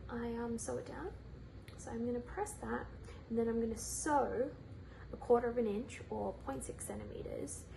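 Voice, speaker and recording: A woman's voice: on the high side, creaky, a little hiss or hum, rough recording. A woman hosting a sewing tutorial, chatting informally and playfully as she talks viewers through each step. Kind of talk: informal step-by-step craft demonstration.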